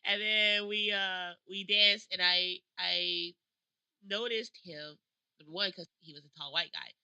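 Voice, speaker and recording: A young woman co-hosting a podcast, telling stories in a giggly, animated way. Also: fairly low pitch, measured pace, clear, resonant tone, dry recording, rough recording. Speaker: podcast co-host. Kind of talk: casual chat. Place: South Korea.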